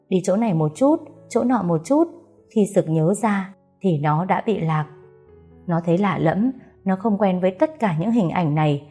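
A woman narrating an audiobook story in a steady, even manner. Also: lowish voice, breathy edge.

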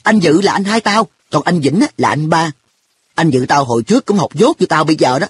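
Man voicing a cheeky happy-go-lucky kid, pitched up and bouncy, breathy husky tone. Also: expressive, a little fast, slight background noise, close to an everyday voice. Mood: blunt. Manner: offhand, blunt boyish talk. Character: boy An, carefree, teasing, money-minded.

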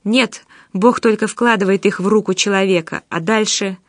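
A woman voicing Danila, a calm and compassionate man who speaks earnestly, in an audiobook. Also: medium pitch, moderate pace, dry recording, studio quality, natural voice. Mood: thoughtful. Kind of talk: audiobook character voice.

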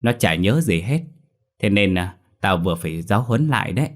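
A man's voice: lowish voice, lively intonation, a little fast, close to an everyday voice. A man voicing a talkative, teasing village man in his thirties in a storybook reading.

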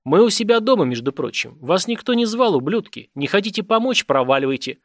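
A man's voice: high-pitched, big pitch swings, brisk, dry recording, pitched above the performer's own voice. Bitter cave dweller, talking through gritted teeth, as a man reads him, voice raised, dry booth. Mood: resentful.

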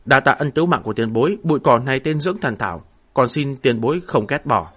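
A man's voice: medium pitch, lively intonation, fast, a bit bright, breathy edge. Earnest wounded young hero, urgent and respectful, read by a male narrator. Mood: grateful. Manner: urgent, pleading warnings.

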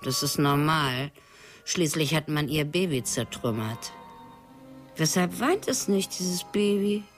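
An actress in a radio play voicing a young housemaid's slow inner monologue, at times breaking into agitated outbursts. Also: female voice, low-pitched, expressive, soft background music. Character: young housemaid, frightened and frayed. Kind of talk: radio drama narration.

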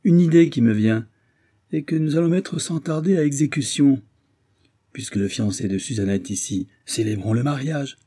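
A man's voice: medium pitch, moderate pace, mellow, husky, dry recording, clean studio sound, pitched above the performer's own voice, lightly acted. A man reading an impetuous old American. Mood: exclamatory. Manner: impetuous, exclamatory. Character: excitable old American grandfather.

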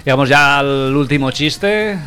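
A man's voice: mid-range voice, unhurried, pushed and bright. Man reading comic sketches. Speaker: radio comedy host.

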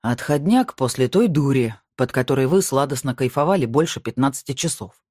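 A stern male medium, played by an audiobook reader, speaks slowly in curt, grim sentences. His tone is warm and husky. The recording is dry and close. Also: mid-range voice, lively intonation, dry recording, lightly acted. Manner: slow, clipped and curt. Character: stern bearded male medium, weary and tense.

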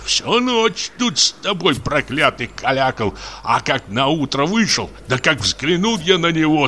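A man's voice: medium pitch, a bit bright, a little hiss or hum, voice pushed up, lightly acted. A man voicing a superstitious village church sexton who grumbles, whines and hurls accusations. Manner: whining, accusing and frantic.

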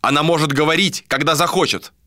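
A man doing a solemn envoy for an audiobook, pressing his point in a raised, emphatic voice. The tone is bright and clear, in a dry recording. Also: on the high side, fairly even intonation, fairly quick, dry recording, voice pushed up. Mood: insistent.

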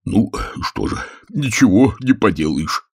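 A man's voice: lowish voice, sing-song, unhurried, husky, no echo, studio quality, full character voice. A man voicing a bruised, grumbling policeman who gives in meekly. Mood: resigned.

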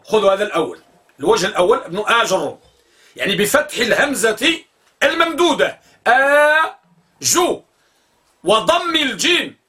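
High, bright-voiced man teaching grammar. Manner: explanatory, repeats words slowly to spell out vowels, asks the class questions. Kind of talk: classroom lecture on pronunciation.

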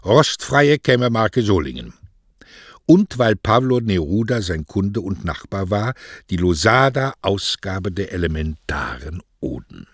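A male audiobook narrator reads in a calm, measured storytelling manner. His voice sits low. The recording is dry and close, with no room sound. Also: breathy edge, dry recording. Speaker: audiobook reader. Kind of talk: scripted narration.

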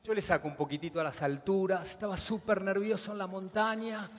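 High-voiced storytelling comic. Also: male voice, fairly even intonation, a little fast, in a large hall. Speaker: stand-up comedian. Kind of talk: stand-up storytelling.

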